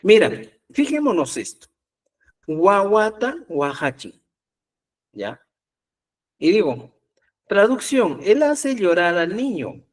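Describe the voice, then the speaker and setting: Man, language teacher, slow patient explaining, slightly high voice, distant mic. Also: huge pitch swings. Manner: patient, explains step by step with frequent checks like "¿ya?". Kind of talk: online class explanation.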